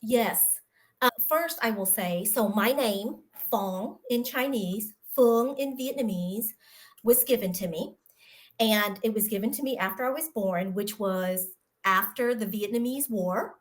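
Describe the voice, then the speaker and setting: A woman speech-language pathologist, a guest in an interview, telling a personal story in an earnest, emotional and animated way. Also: mid-range voice, unhurried.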